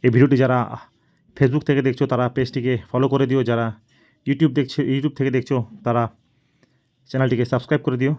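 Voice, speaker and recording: A man's voice: mid-range voice, level tone, quick pace, pauses often, darkish tone, muffled recording. A man giving play-by-play football commentary as a voice-over, announcing in short, broken phrases with repeated stock expressions. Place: voice-over recorded after the match, away from the pitch.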